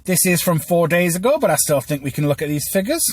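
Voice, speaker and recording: A man's voice: a little high, sing-song, quick pace, slightly rough, dry recording. A man hosting a news commentary podcast, reading from a script in a stilted, teleprompter-like way with small stumbles. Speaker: podcast host.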